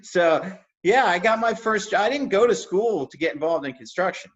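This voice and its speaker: Speaking high and with lively intonation at a moderate pace, a New York-raised construction analytics CEO relaxes into personal stories as an interview guest. The conversation is casual and easygoing, captured with dull, lo-fi audio.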